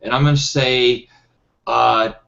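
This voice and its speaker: A man running a tabletop role-playing game, ruling on dice rolls as he thinks aloud, with many pauses and restarts. His voice sits at a middle pitch. The recording is dull and lo-fi. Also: fairly even intonation, vocal fry, fairly bright tone. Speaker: game master. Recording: dull lo-fi sound.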